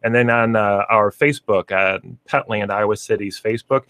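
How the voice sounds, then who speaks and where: Casual low-voiced guy hosting a pet radio show, reads facts, chatty asides, dry close mic. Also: normal speed, fairly bright tone, clean tone, no room sound. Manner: chatty, laughs often, reads aloud with asides. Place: radio studio.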